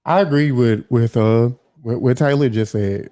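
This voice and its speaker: A man with a mellow, warm voice talks as a guest in a casual livestream, measured and agreeable. His reading aloud is steady and unhurried. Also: mid-range voice. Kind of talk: casual chat and scripture reading.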